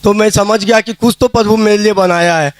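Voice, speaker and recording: A man's voice: sits high, steady tone, a little fast, dry recording. A man giving a casual spoken testimony at a prayer meeting, telling his story plainly and acting out the dialogue he quotes. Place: prayer hall.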